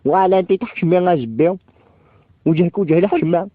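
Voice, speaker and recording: A man's voice: high voice, brisk, no echo. An Algerian man in crude, argumentative banter on a landline phone call, swearing constantly. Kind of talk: heated, vulgar phone banter. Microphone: over a landline phone. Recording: thin, band-limited landline phone call.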